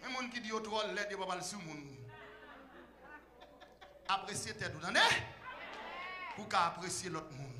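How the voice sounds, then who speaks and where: A male pastor preaching a fiery sermon, shouting call-and-response to the church, then dropping to quiet asides. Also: high-pitched, normal speed, pauses often, reverberant, background noise.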